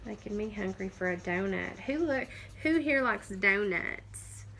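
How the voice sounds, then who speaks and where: A young woman teaching kindergarten phonics, sounding out letters slowly and praising the children. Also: medium pitch, expressive, gravelly, pushed and bright, a little hiss or hum. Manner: slow, encouraging, sounds out letters.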